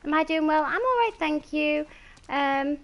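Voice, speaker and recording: Lively, chatty woman streamer. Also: high voice, measured pace, highs cut off. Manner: chatty, greets chat by name, laughs easily. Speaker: game streamer. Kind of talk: casual chat while streaming a game.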